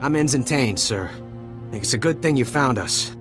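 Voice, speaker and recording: A man's voice: mid-range voice, expressive, normal speed, lightly acted. An actor playing a cocky young male ensign who jokes sarcastically and stammers when scolded, in a game cutscene. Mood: wry. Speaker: rescued junior officer. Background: faint music.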